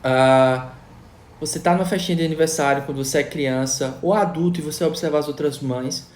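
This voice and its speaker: A man's voice: fairly high pitch, a little fast, a little mellow. A man explains psychology to an online audience in an emphatic, lecturing way. He keeps asking his listeners questions and checks in with them again and again. His voice rings out in a roomy, echoing space. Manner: emphatic, rhetorical questions, tags sentences with "tá?". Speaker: psychology educator. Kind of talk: live online talk to viewers. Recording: roomy echo.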